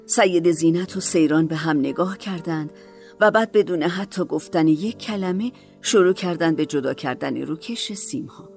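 A woman narrating a storybook in a calm, measured reading voice. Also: sits low, soft background music.

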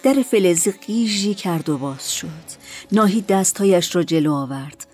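A woman narrating a dramatized story in a calm, measured way. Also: fairly low pitch, faint music behind.

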